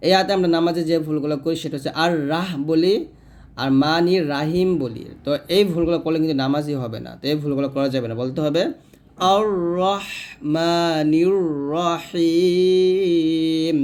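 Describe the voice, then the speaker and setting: Male recitation teacher with a slightly high voice, methodical, spelling letter by letter, then chanting slowly. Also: darkish tone. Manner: spells out letters and vowel marks one by one; quick explanations broken by slow drawn-out recitation. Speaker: Quran reading teacher. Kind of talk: step-by-step recitation lesson.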